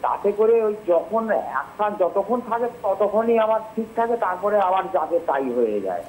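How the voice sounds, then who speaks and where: A man calls in to a health show over the phone. His voice sits a little high and he speaks hesitantly, stalling often, with faint noise on the line. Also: sing-song, moderate pace, a little mellow, poor audio. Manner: hesitant, many fillers and restarts. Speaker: caller. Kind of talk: phone-in call. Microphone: telephone line.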